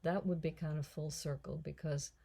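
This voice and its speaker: Gravelly-voiced woman in her sixties. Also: low voice, steady tone, moderate pace, mellow. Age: 60s. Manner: chatty and self-mocking, laughs often. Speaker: cooking vlogger and actress. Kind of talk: casual home cooking vlog.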